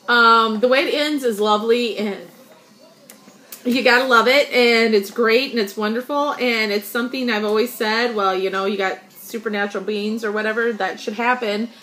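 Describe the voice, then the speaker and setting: A woman's voice: on the high side, fairly bright tone. Frank, emphatic middle-aged woman. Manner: emphatic, frank, laughs often. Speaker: host. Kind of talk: casual chat.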